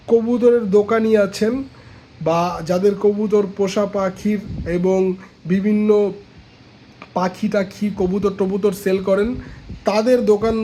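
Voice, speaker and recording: A man from Bangladesh giving a casual sales pitch, persuasive and repetitive, pointing out products as he talks. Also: dark tone, a little hiss or hum, low-quality recording. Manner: persuasive, repeats points, shows products while talking. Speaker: seller pitching a pigeon feed dealership.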